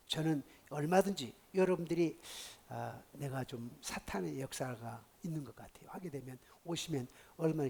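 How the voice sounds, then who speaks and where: A male pastor with a husky, mid-range voice delivers a sermon, narrating a story with sharp shifts between quiet hush and loud outbursts.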